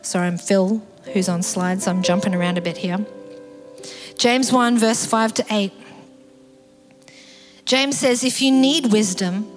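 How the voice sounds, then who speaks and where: A middle-aged woman preaching a sermon, animated and acting out quoted voices. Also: a little high. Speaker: pastor.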